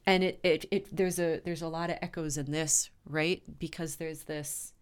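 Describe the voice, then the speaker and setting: A woman's voice: deep voice, fairly even intonation, moderate pace, smooth. A woman pastor talking earnestly in a casual podcast discussion, often restarting her sentences.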